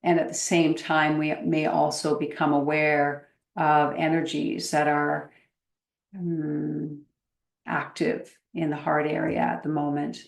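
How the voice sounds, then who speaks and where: With long pauses and a gentle, unhurried pace, a woman leads a guided meditation as its teacher. Her deep voice keeps a level tone with vocal fry, captured in an echoey, roomy recording.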